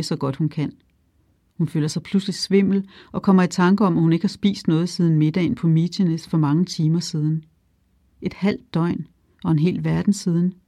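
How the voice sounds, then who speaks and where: A narrator reading a novel aloud in a calm, even storytelling manner. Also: mid-range voice, no echo, studio quality. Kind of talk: audiobook narration.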